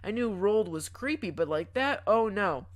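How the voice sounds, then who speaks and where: A woman's voice: medium pitch, animated, moderate pace. A young woman narrating her gameplay as a comic story, dramatic and mock-panicked, stumbling over her words. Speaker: gaming YouTuber.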